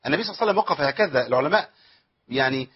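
Fast-talking Egyptian man teaching tajweed. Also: medium pitch, lively intonation, husky, dull audio. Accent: Egyptian Arabic. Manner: asks questions and answers them himself, drawn-out recitation. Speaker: Quran recitation teacher. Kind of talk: tajweed lesson with recited examples.

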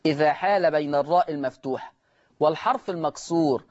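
A man with an Egyptian Arabic accent, talking fast in a slightly high, darkish voice, teaches the rules of Quran recitation on a broadcast lesson. He is repetitive, drilling key words and questioning his students, while the audio has its highs cut off.

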